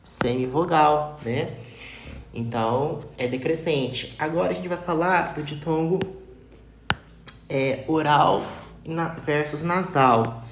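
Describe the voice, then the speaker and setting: A teacher with a Brazilian accent giving a grammar lesson, slowly and patiently repeating each example word and asking the class for answers. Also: mid-range voice. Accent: Brazilian Portuguese. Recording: echoey room with steady background noise.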